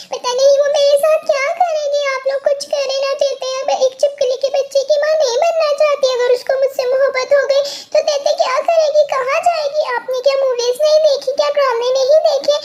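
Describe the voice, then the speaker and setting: Brief: woman voicing very high, shrill girlish young woman, childish and dramatic, whiny, fan fiction dub. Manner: calls herself by her pet name, whiny and wailing.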